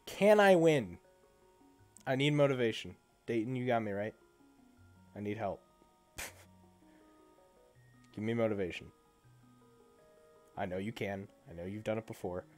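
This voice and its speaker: A man's voice: on the low side, expressive, measured pace, long pauses, soft background music. Sick, groaning male streamer. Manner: groaning, self-mocking complaints. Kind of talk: casual game-stream chat.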